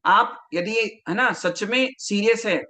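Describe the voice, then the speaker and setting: A man's voice: high-pitched, a little slow, sharp tone. A man, a health coach giving a live online masterclass, talking straight to viewers and reading out their names from the chat.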